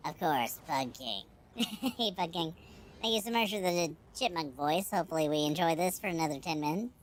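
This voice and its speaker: A male streamer chatting casually through a high-pitched chipmunk voice filter, rambling with many fillers. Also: animated, normal speed, slight background noise. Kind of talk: casual live-stream chat.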